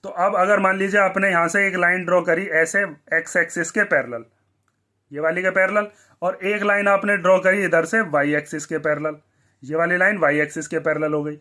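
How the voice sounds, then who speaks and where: Male maths teacher, high voice, bright tone, asks and answers his own questions. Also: steady tone, brisk. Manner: asks the class questions and answers them himself. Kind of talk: blackboard maths lesson.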